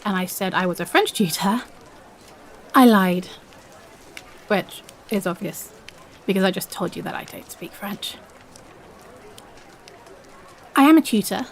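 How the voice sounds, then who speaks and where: Woman acting shy nervous girl confessing a crush, slow n halting, self-deprecating, audio roleplay, bit of background noise. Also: medium pitch, close to an everyday voice. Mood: shy, flustered. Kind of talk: audio role-play, one-sided confession.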